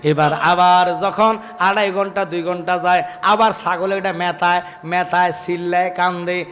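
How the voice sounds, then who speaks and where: A male preacher, giving a sermon that shifts between chanted, sung lines and quiet asides to the crowd. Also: flat delivery, moderate pace, slight background noise. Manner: swings from sung, stretched shouting to low, quiet talk with the crowd. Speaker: preacher at an outdoor religious gathering. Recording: long reverb through loudspeakers, faint music.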